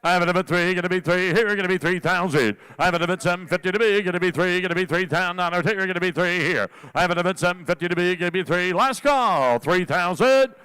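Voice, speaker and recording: A man working as an auctioneer, calling bids in a rapid, rolling chant with repeated filler phrases between the numbers. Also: high voice, pushed and bright, smooth.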